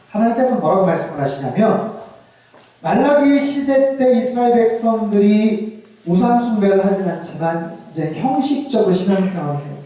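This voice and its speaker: A male pastor giving a Bible lecture, animated and asking the audience rhetorical questions. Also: high voice. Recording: very echoey hall, distant mic.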